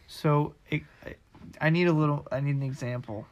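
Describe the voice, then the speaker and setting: A man's voice: on the high side, steady tone, moderate pace, dull audio. A man co-hosting a casual chat podcast who teases his partner and prods him for more with short interjections. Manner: teasing, prodding interjections. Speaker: podcast co-host.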